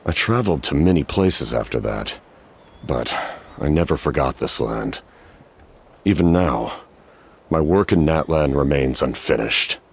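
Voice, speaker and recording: A man voicing a stoic, solemn, centuries-old warrior captain in a game cutscene, speaking formally and gravely in measured phrases. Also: a bass voice, lively intonation, heavily acted. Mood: solemn, resolute. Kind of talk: dramatic video game cutscene dialogue.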